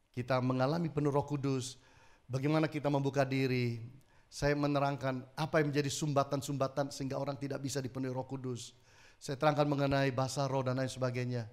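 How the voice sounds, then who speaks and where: A male pastor preaching a sermon, telling stories in an animated way with sudden swings in loudness. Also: mid-range voice.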